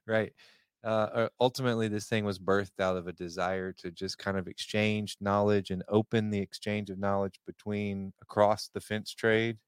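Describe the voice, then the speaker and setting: A lower-pitched man co-hosting a relaxed podcast, playful and quick to laugh. His voice is recorded dry and close, with no room sound. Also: smooth, no room sound. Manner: playful, jokey, laughs often. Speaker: podcast co-host. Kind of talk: casual podcast chat.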